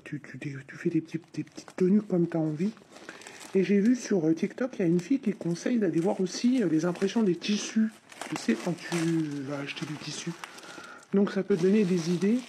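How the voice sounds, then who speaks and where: Synthetic tts lady voice, mellow, chatty unboxing vlog, rambly and informal, bit of background noise. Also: fairly low pitch. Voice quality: synthetic text-to-speech voice. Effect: synthetic voice replacing the speaker's own. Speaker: craft vlogger. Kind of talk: casual chatty unboxing narration.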